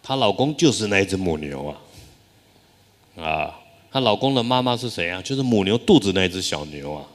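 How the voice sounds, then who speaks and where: A man voicing a wise, kindly old monk in a story, explaining patiently and gently. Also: low-pitched. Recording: long hall reverb.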